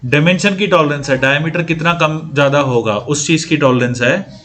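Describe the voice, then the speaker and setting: A man's voice: fairly high pitch, normal speed, a bit bright. A man lecturing a class on engineering drawing, quizzing students and repeating key points. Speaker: CAD training instructor.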